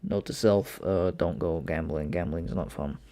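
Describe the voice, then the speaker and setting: A man's voice: sits low, unhurried, dark tone. A young man hosting a livestream from home, chatting casually as he reacts, swearing and laughing easily. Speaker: livestream host. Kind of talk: casual live commentary.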